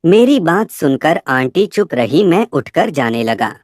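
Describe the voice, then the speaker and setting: Low-voiced woman telling a slow story. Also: very animated, a little mellow, no room sound, clean studio sound. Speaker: story narrator. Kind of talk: first-person story narration.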